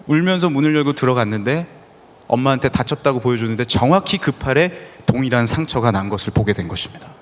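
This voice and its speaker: A man preaching a sermon as pastor, telling stories in an animated way and acting out the people he quotes. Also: mid-range voice, fast talker. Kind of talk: lively sermon with acted-out quotes. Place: church sanctuary. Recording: reverberant church hall.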